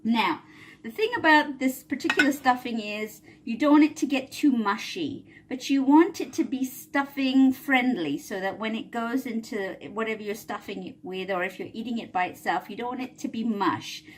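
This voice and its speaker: In her home kitchen, a cooking channel host explains a recipe in a relaxed, chatty manner, frequently asking "all right?". Her voice is fairly high and moderately paced, with a little hiss or hum. Chili fumes make her cough a bit.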